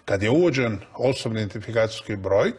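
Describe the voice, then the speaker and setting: A man's voice: fairly low pitch, animated, fast talker, background noise. A man with a Croatian accent, explaining something in spontaneous speech.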